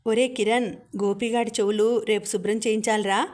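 A woman's voice: fairly high pitch, fairly even intonation, moderate pace, a little mellow, lightly acted. A woman reading the lines of a teasing young male college student who banters with and scolds his friends, in an audiobook.

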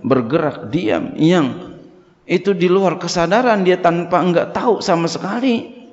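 A man teaching a religious text, reading Arabic passages and explaining them in plain Indonesian, with casual asides and repeated key phrases. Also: fairly high pitch. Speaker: Islamic boarding school teacher. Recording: long reverb, dull lo-fi sound.

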